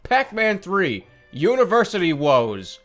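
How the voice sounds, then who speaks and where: A man's voice: high-pitched, wildly swooping pitch, takes it slowly, a bit bright, faint music behind. A man giving casual gameplay commentary in a sarcastic, incredulous, foul-mouthed way. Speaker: gaming video host.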